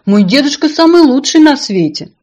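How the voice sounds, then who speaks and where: A woman's voice: high-pitched, big pitch swings, moderate pace, darkish tone, pitched above the performer's own voice. A woman doing an anxious little donkey boy. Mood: proud. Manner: earnest, easily alarmed.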